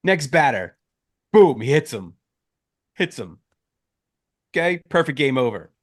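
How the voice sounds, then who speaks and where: A man's voice: medium pitch, very animated, unhurried, no echo, studio quality. A man in his thirties, a podcast co-host, telling a story in casual chat and acting out the lines he quotes.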